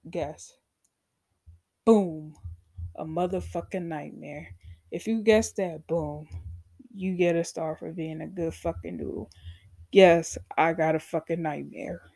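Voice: medium pitch, fairly even intonation, slow, vocal fry, pauses often, mellow, no echo, studio quality. Podcast host, solo rant: blunt, heavily profane, sarcastic asides to the audience, mid-range voice. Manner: blunt, profane storytelling that acts out past conversations; sarcastic, addresses listeners directly.

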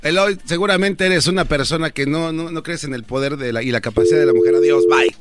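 A man's voice: fairly high pitch, fast, lightly acted. A man playing a pompous, preachy radio guru who cuts callers off in a comedy sketch. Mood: dismissive. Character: pompous self-styled male radio guru, preachy and dismissive. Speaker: radio host.

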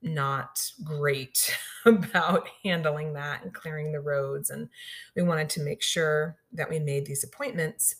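A middle-aged woman from Southeast Missouri tells a personal story in an easy, rambling way. Her voice sits a little low, and she fills pauses with ums and you-knows. Now and then a laugh slips into her words. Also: fairly even intonation, a bit bright. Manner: chatty, frequent ums and you-knows, laughs through lines. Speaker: radio show regular sharing stories.

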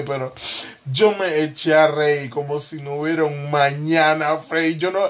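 A young man hosting a podcast, telling comic stories about himself in an animated, profane, self-mocking way and often breaking into laughter. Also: on the high side. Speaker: podcast host. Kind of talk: comic storytelling monologue.

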